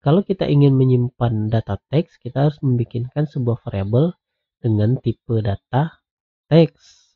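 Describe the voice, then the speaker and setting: With a husky, medium-pitched voice, a man delivers a programming lecture while coding on screen, explaining slowly and patiently and saying "nah" and "ya" a lot. The audio sounds tinny, like a phone.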